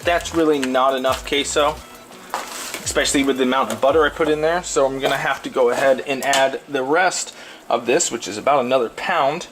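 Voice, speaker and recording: Hosting a laid-back cooking show, a man with a mid-range voice talks fairly quickly, bluntly and crudely, rambling and repeating himself, with music in the background. It's clearly noisy, full of sizzling, stirring, and clicks from the frying.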